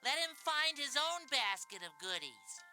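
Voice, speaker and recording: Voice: high voice, big pitch swings, unhurried, loud music behind the voice, heavily acted. An actor voicing a sweet, cheerful young bird in a children's storybook, with a wide-eyed, singsong manner. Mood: sniffy.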